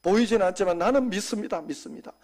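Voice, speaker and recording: A man preaching a sermon as senior pastor, talking conversationally and dropping suddenly to soft, quiet asides. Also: a little high, expressive, normal speed.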